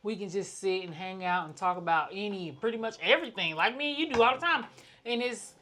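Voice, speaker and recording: A woman co-hosting a podcast in casual chat, speaking in a flat, nonchalant, one-tone way. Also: mid-range voice, brisk. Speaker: podcast co-host.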